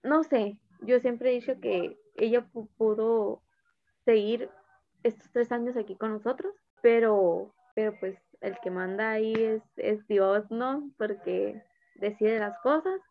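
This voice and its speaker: A young woman with a Mexican accent speaks haltingly about a personal loss and often stops to search for words. Her voice sits a little high and has a strong gravelly fry. The sound is narrow and tinny, as if it were heard over a phone line. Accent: Mexican Spanish. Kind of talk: personal storytelling about grief.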